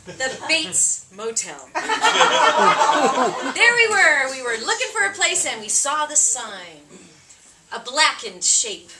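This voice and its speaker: A woman telling funny travel stories between songs at a live folk concert, animated and laughing along. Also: high voice, measured pace, a crowd in the background. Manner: animated storyteller, laughs through her tales. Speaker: folk musician and band member. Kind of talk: onstage storytelling between songs. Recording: distant live concert recording with faint noise.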